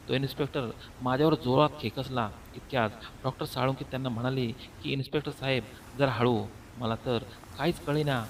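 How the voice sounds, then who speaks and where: A man narrating a first-person horror story in a steady, unhurried way. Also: mid-range voice. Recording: slightly distant mic, faint background noise.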